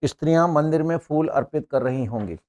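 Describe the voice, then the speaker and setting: A man's voice: fairly high pitch, darkish tone. A man teaching an English lesson to a class, explaining words and pronunciation step by step and often checking with "है ना?". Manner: explains slowly, often asks "है ना?".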